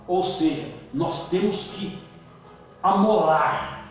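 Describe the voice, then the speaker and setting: A male pastor preaching a sermon, calling out to the congregation and swinging between loud emphasis and quiet low lines. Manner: preaching with call-and-response, emphatic swings in pitch and volume. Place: church hall. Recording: distant echoey church hall recording, dull.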